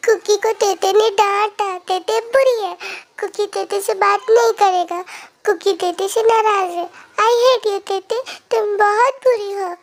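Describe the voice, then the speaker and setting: A woman's voice: very high-pitched, fairly even intonation, slow, full character voice. A young woman voicing a childlike, clingy young man who talks about himself in the third person. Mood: sulky. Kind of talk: fan-fiction story voice acting.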